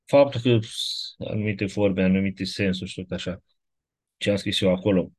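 Male lecturer, low husky voice, loose digressive classroom delivery. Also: fairly even intonation, a little mellow. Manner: digressive, keeps checking in with rhetorical questions.

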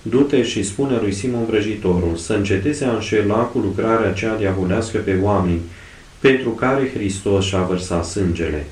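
A man voicing an aged male apostle who prays in slow, devout intoning, recorded in an echoey room away from the mic. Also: on the low side, a little mellow, recorded from a distance, natural voice.

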